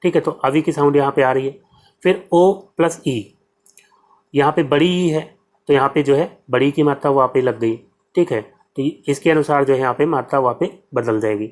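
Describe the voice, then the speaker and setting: A man's voice: mid-range voice, a little fast. Man teaching grammar step by step. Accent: Hindi. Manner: explains step by step, repeats "ठीक है" often; asks questions and answers them himself. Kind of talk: exam-prep grammar lesson.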